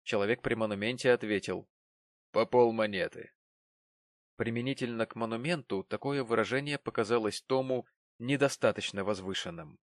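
A man narrating an audiobook of a classic novel in a measured storytelling way. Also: medium pitch, no room sound. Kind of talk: scripted narration.

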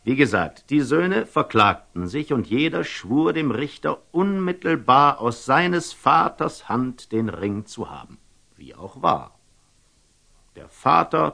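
An actor playing a wise, calm merchant and eloquent storyteller in a classical radio drama, speaking with rhetorical, deliberate emphasis. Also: male voice, mid-range voice, vocal fry, heavily acted. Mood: reasoning, insistent. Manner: rhetorical, deliberate, with emphatic rises and hushed drops.

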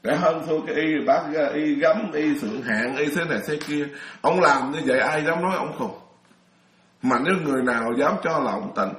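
A man's voice: fairly high pitch, a little fast, a bit bright, reverberant. A middle-aged man from Vietnam, a Buddhist monk giving a chatty dharma talk, telling stories with frequent laughs and restarts. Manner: chatty storyteller, laughs often, many restarts.

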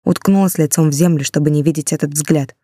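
A woman's voice: low voice, steady tone, fast talker, mellow, no room sound, studio quality. A woman narrating a first-person audiobook with dramatic, emotional delivery.

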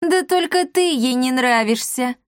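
A woman puts on a high, piercing voice for a boastful young witch in a storybook. She sneers, gloats and yelps her spells in a dry, close sound. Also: animated, unhurried, dry recording. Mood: scornful. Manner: mocking, shrill cries. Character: spiteful young female witch, boastful and sharp.

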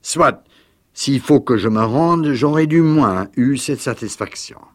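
A man's voice: mid-range voice, expressive, slow pace, no echo, clean studio sound, pitched above the performer's own voice. A man doing a huge, worn-out blunt secretary. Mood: grave. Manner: heavy, blunt confessions.

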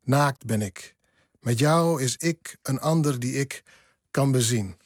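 A man whose first language is Frisian, a poet reading his own poem slowly and then talking about it in a radio studio interview. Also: mid-range voice, dry recording. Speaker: poet, guest.

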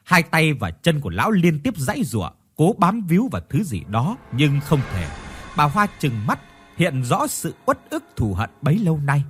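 Expressive male horror storyteller. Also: a little high, normal speed, husky. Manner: dramatic, expressive reading. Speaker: narrator.

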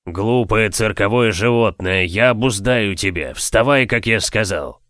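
A man narrating an audiobook, voicing a domineering husband who gives slow, drawn-out commands. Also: lowish voice, a bit bright, no echo, clean studio sound. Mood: harsh.

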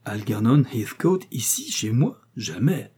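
A man's voice: medium pitch, sing-song, a little slow, warm tone, breathy edge. A man voicing a scheming young orphaned heiress who complains melodramatically, reading an audiobook. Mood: indignant. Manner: plaintive, melodramatic.

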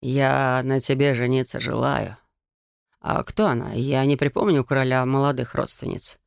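A reader lowering her voice for a cocky, boastful young suitor. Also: steady tone, normal speed, gravelly, clear, resonant tone, dry recording, clean studio sound, natural voice. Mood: thoughtful. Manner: smug and boastful. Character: brash, cocky, smug young male suitor. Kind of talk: audiobook character voice.

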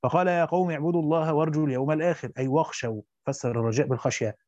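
A man with a mellow, dark, slightly high voice reads classical Arabic from a Quran commentary at a brisk pace, breaking off for casual spoken explanations with restarts. His tone stays steady, and the dry, somewhat dull audio carries no echo or room.

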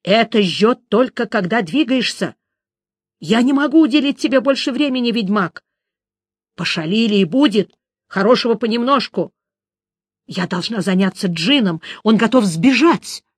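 A woman voicing a cold, contemptuous sorceress who speaks low through her teeth. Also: animated, breathy edge, no room sound, studio quality. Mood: dismissive. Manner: low, hissing, measured.

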